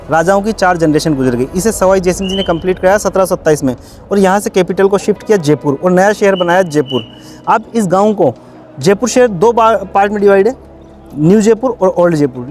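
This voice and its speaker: A quick-talking man leads a guided tour outdoors at an old palace. His voice sits high, and he lectures his visitors in a chatty way, with asides and questions. Faint music plays behind him. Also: a little mellow.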